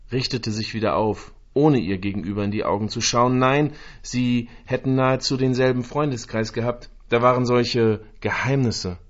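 A man reading a literary story aloud in a slow, measured, emotive way with long pauses. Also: medium pitch, dull audio. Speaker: narrator.

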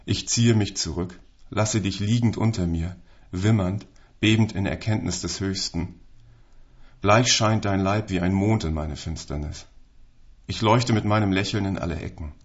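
A man reading a literary text aloud in a measured, solemn way. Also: low voice. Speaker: reader. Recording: dull lo-fi recording.

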